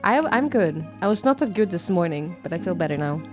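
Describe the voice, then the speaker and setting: A woman VTuber chatting casually on a live stream, playful and rambling, with sudden squeaky greetings. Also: lively intonation, brisk. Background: faint background music.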